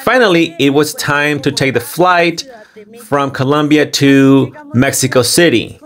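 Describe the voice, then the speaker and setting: A man hosting a video commentary, speaking in deliberate, emphatic phrases with pauses. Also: on the high side, a bit bright. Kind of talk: scripted commentary with loose running translation.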